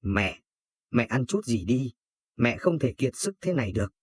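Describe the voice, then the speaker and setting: A man's voice: mid-range voice, sing-song, moderate pace, slightly rough, no room sound. A man voicing a frightened, grieving thirteen-year-old girl who stammers through her tears. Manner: stammering, tearful pleading.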